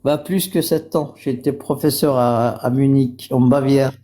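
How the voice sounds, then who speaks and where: An older man chatting casually on a live stream, halting and repeating words as he switches languages. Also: mid-range voice, fairly even intonation, warm tone. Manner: halting, repeats words, switches between French, English and German. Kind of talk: casual chat.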